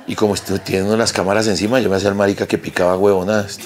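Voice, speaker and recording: A young man with a Colombian accent, a comedian telling a crude, animated anecdote and laughing as he goes. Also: fairly low pitch, very fast, heavy background noise. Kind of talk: comic storytelling.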